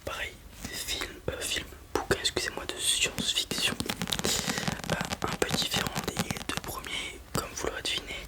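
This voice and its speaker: Someone in a whispered role-play as a librarian, speaking in a soft library whisper while presenting and reading from books. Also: moderate pace, low-quality recording. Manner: reads blurbs aloud, then comments informally with hesitations. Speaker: ASMR creator playing a librarian presenting books.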